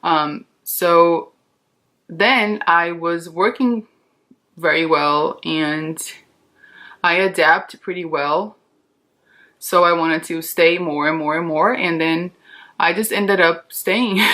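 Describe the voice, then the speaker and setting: Sounding like a beauty vlogger, a woman from Brazil in her thirties talks in Portuguese through a relaxed makeup tutorial, frank and reassuring. She has a low voice with a fairly bright tone.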